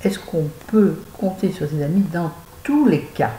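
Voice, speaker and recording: A woman's voice: lowish voice, lively intonation, measured pace, mellow, roomy sound, a little hiss or hum, poor audio. A woman chatting casually to camera in a book review vlog, digressing often and talking straight to her viewers, at home. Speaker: book vlogger. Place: at home with a fan nearby.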